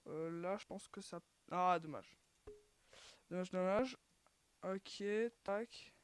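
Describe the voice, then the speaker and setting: A woman's voice: lowish voice, slow, clean tone. A woman hosting a gaming channel, chatting casually through her gameplay with lots of fillers and restarts, and groaning at each failed attempt. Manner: chatty, filler-heavy, keeps sighing "too bad" at failed attempts.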